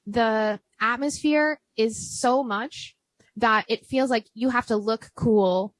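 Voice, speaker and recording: Speaking slowly in a fairly high pitch, a young American woman hosts a podcast with casual chat over drinks. Her voice is big, peppered with "like," and she laughs frequently.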